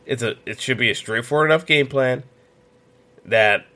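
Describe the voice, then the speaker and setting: A man's voice: mid-range voice, normal speed, pushed and bright. A man hosting a solo sports podcast, giving opinionated betting picks in a casual way with lots of fillers and restarts. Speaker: podcast host.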